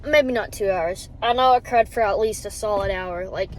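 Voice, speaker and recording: A woman's voice: mid-range voice, normal speed, a little hiss or hum, poor audio. A woman chatting casually and candidly to the camera in a rambling, informal running vlog. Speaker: running vlogger.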